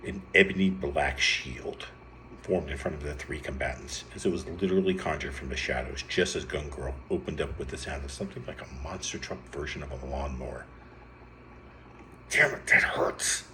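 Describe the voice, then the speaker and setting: A man with a very low voice reads an adventure story aloud at a brisk pace, keeping it lively with bursts of raised pitch for emphasis. He stumbles over a word now and then, and a faint hiss sits beneath his voice.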